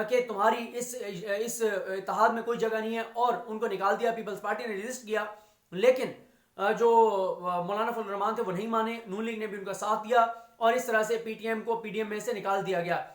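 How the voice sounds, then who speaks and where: A man's voice: high voice, fairly even intonation. Rhetorical male political commentator, roomy sound. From Pakistan. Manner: rhetorical, stacks repeated phrases with frequent "uh" fillers. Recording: roomy echo.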